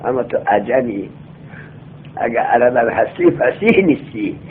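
A male teacher giving a classroom lecture. He reads lines of a text aloud slowly, then explains them and quizzes his students. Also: medium pitch, animated, a little hiss or hum. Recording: tinny lo-fi phone-like sound.

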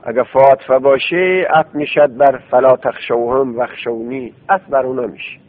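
A man's voice: mid-range voice, steady tone. A man teaching Arabic grammar in a classroom lesson. He explains step by step and repeats words in drills. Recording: tinny phone-like radio recording.

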